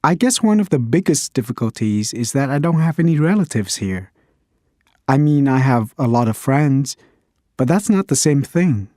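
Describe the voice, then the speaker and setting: A man's voice: medium pitch, very animated, moderate pace, darkish tone, no room sound, studio quality, lightly acted. A man playing a thoughtful man from Vietnam. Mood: reflective. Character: man from Vietnam working in communications. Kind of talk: scripted textbook interview.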